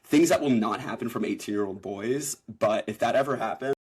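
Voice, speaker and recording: A man's voice: lowish voice, brisk, husky. A man in his thirties co-hosting a podcast in casual chat, rambling and full of fillers. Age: 30s. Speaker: podcast co-host.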